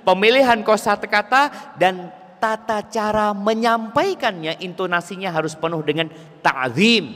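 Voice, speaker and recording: A man delivers a lively sermon, speaking straight to his congregation. His voice sits fairly high and leaps higher whenever he drives home a point. A long reverb from the hall trails behind every phrase. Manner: lively, rising sharply for emphasis, addresses the congregation. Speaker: preacher.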